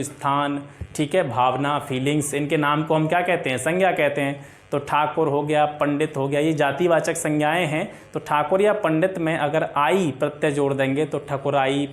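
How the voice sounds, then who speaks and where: A man with a somewhat high voice teaches a grammar lesson for exam preparation. He runs through lists of example words, poses questions and answers them himself, and keeps checking in with a quick "theek hai". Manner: explains by listing examples, often asking and answering his own questions; often adds filler checks like "theek hai".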